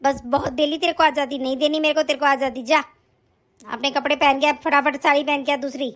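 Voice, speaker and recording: An older mother-in-law in a cartoon family drama whines and scolds in a very high, squeaky voice, as a woman voices her. She snaps out orders and sulks with hurt pride. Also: lively intonation, moderate pace, a bit bright. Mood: stern. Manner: whiny, scolding. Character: older mother-in-law, tearful then stern. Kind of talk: animated story voice acting.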